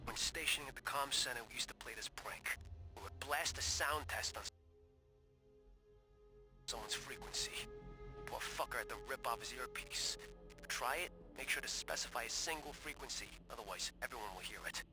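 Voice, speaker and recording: A man's voice: mid-range voice, moderate pace, close to an everyday voice. An actor playing a crude, mischievous male video game sidekick, foul-mouthed and conspiratorial. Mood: sly, amused. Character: crude, mischievous male informant nicknamed Ratface. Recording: faint music behind.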